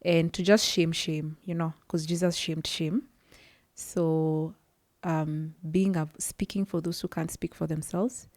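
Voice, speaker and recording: A woman with a low, darkish voice and fairly even intonation speaks at a measured pace in a dry, clean studio recording. She's a psychology worker on a podcast, sharing her story with earnest sincerity. Searching for words, she restarts her sentences often.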